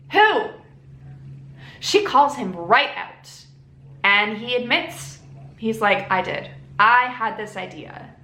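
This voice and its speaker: A tipsy woman with a fairly high voice recaps a story in a loose, casual ramble. She takes her time and leans hard on dramatic reactions. The room is echoey, with some noise behind her. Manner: animated, acts out characters' reactions with exaggerated emphasis. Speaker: book reviewer. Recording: roomy echo with background noise.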